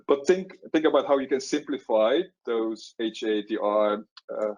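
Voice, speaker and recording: A middle-aged man with a Dutch accent and a fairly low voice speaks on a relaxed webinar panel. He talks haltingly, often repeats his words and chuckles at his own stumbles. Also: poor audio. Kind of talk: conversational webinar panel talk.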